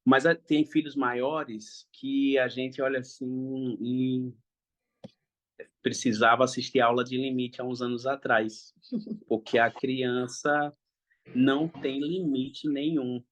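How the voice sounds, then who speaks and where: A man's voice: medium pitch, steady tone, slow, fairly bright tone. A young man, a father, speaking in a casual interview in a hesitant, thoughtful way with frequent restarts.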